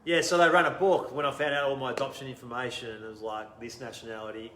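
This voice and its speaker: A man in his thirties with an Australian accent is the guest in a casual interview, animatedly telling his story, laughing often and trailing off quietly. His mid-range voice barely moves in pitch, and he talks fast in a reverberant space.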